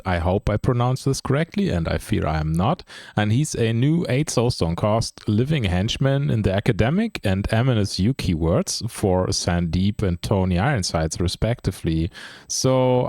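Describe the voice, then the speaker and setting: A man hosting a casual tabletop gaming discussion, friendly and quick to laugh at himself. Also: fairly low pitch, darkish tone, no echo, clean studio sound. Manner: friendly, laughs easily, self-deprecating. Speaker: podcast host.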